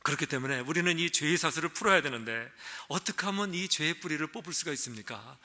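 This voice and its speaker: A man's voice: fairly high pitch, fast, sharp tone. A male pastor preaching a sermon, earnest and full of rhetorical questions, weaving a story into his message. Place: church sanctuary.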